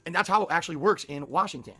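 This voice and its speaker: Hoarse, bright-voiced male livestreamer. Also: fairly high pitch, racing, soft background music. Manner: profane, emphatic venting. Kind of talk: casual livestream monologue.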